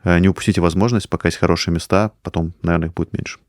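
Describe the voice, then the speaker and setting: Fast-talking deep-voiced man hosting. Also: fairly even intonation, no room sound, studio quality. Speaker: talk show host. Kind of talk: casual sports talk.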